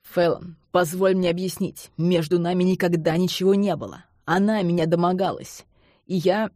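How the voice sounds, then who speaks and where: An earnest young man pleads with the woman he loves, voiced by a woman reading the book. He sounds devoted and anxious, pitched on the low side. The recording is dry and close. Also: steady tone, normal speed, warm tone, dry recording, natural voice. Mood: pleading. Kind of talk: audiobook character voice.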